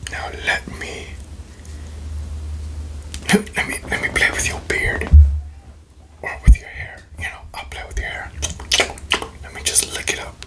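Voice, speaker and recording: A young man doing a playful, teasing whispered role-play for ASMR, breathy and close to the mic, with tingly wet mouth sounds. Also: bright, forceful tone. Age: young adult. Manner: playful, teasing, slow murmured repetitions. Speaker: ASMR video creator. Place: small bedroom, indoors. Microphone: close desk microphone in front of him.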